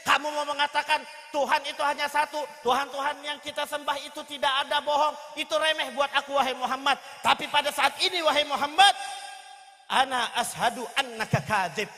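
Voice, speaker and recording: A male preacher voicing a scornful older man who loudly accuses someone of lying, shouting in a reverberant hall. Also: high-pitched, normal speed, hardly any pauses. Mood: furious accusing. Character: scornful older Meccan man denouncing a liar.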